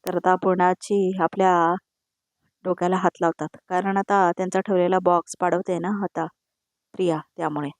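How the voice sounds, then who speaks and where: A woman's voice: fairly low pitch, flat delivery, moderate pace, darkish tone, dry recording, studio quality. A woman narrating a TV episode recap in a conversational, opinionated way, repeating the same connecting words. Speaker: serial review narrator.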